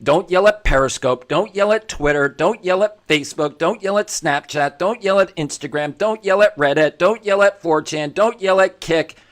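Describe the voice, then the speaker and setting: Emphatic, preachy man with a higher voice. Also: moderate pace, hardly any pauses. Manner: emphatic and preachy, repeats points for effect; blunt and self-deprecating. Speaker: commentary show host. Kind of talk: opinionated commentary monologue.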